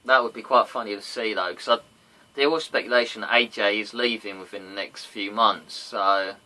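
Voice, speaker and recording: A man hosts a casual wrestling review podcast from home, and the recording is noisy. His lowish voice is steady, pushed, and bright at a moderate pace, and he chats and rambles, now and then breaking into silly sung impressions.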